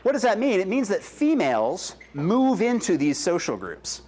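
Speaking in a high-pitched voice at a moderate pace, a middle-aged man enthusiastically teaches science to a cafeteria full of children, slipping Spanish into his English and answering their questions. He moves and gestures before the audience, miked with a wireless headset or lapel mic. The hall is roomy, he's captured from afar, and the kids are loud in the background.

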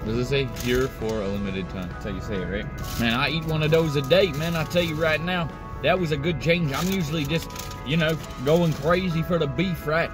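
A man's voice: fairly high pitch, brisk, over music. A man in his thirties giving a casual food review on a phone inside a car. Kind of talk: casual vlog chat. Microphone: phone at arm's length.

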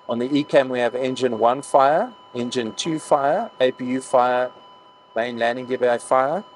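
A man explaining a cockpit preparation as a pilot instructor, calmly going through each check in a cockpit. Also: mid-range voice, slight background noise, low-quality recording. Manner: calm, explains each step plainly. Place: aircraft cockpit.

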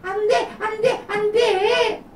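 A soft, squeaky little spirit of goodness coos patient advice, as a woman puppeteer puts her on. The words come slowly and carefully, and the voice sounds roomy and a little distant, as if taken from the back of a preschool room during a live puppet show. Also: steady tone, slight background noise. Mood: gentle pleading. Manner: soothing, patient, coaxing.

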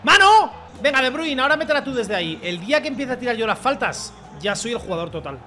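A young man commentating his own football game. He rants, pleads and shouts at the play, swinging from low mutters to loud yells. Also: very animated, fast, faint music behind. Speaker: gaming streamer. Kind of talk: excited gameplay commentary.

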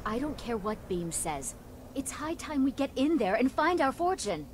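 A woman's voice: high voice, sing-song, normal speed. A woman playing an impatient, greedy young treasure hunter in a video game, scornful and pushy. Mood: brash, eager. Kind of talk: video game character dialogue. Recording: loud game noise behind the voice.

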